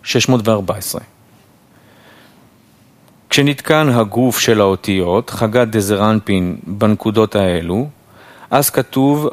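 A man reading a Kabbalistic text aloud section by section, with short explanations between the passages. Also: mid-range voice. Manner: measured, phrase-by-phrase recitation with explanatory asides. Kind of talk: steady study reading with numbered sections.

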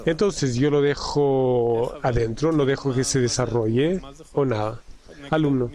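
A man interpreting a spiritual lesson live. He relays it in halting phrases, with frequent restarts and repeated words. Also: medium pitch, a little mellow. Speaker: simultaneous interpreter.

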